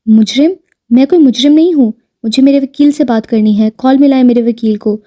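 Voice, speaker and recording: A woman's voice: high voice, fairly even intonation, warm tone. Woman reading a teasing devoted husband. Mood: insistent. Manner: teasing and tender, then firm when arrested. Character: devoted affectionate husband, teasing, wealthy businessman.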